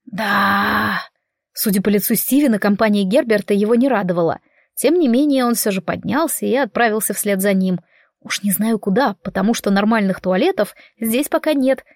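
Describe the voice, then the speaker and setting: A woman reading a story aloud in first person, wry and lively. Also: medium pitch, fairly quick, dry recording, clean studio sound. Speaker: audiobook narrator.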